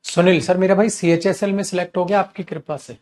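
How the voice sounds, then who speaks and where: A man teaching an exam-prep English class while running a fever, animated and addressing students as son and brother. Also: high-pitched, a little fast. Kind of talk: classroom lecture.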